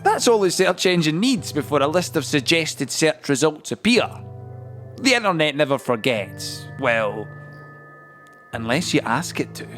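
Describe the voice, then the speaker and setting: With a musical score behind him, a male storyteller narrates a scripted audio drama, using careful phrasing and dramatic pauses. He sounds a touch high-pitched and somewhat bright.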